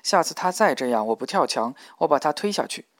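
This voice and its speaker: A man voicing a gentle, anxious young woman in an audiobook, speaking softly and pleadingly. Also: on the high side, lively intonation, fast talker, no room sound.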